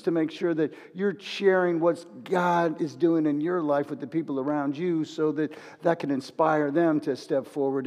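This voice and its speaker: Higher-voiced male preacher in a reverberant hall. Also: a little mellow. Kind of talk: conversational sermon built on a film.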